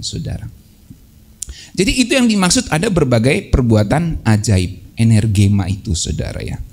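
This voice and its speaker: A male preacher with a fairly high voice delivers a relaxed, humorous sermon. He jokes with the congregation and voices playful mock quotes. He keeps turning back to them as brothers and sisters. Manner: addresses listeners as "saudara" often.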